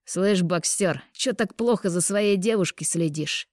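A woman's voice: lowish voice, darkish tone, no room sound, clean studio sound, lightly acted. A woman voicing a drunk young man who mockingly picks a fight. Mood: sneering drunk. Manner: slow, drawling and mocking.

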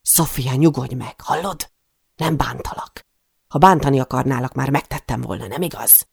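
A reader voicing a calm, stern grey-haired man who speaks low and steadily in an audiobook. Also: vocal fry, breathy edge, dry recording, clean studio sound. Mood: reassuring. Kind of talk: audiobook reading.

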